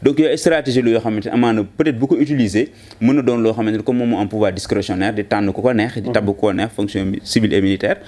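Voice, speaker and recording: Fast-talking man, dark voice. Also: lowish voice, steady tone. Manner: fast, argumentative, mixes French into Wolof. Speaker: political commentator. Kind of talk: political discussion.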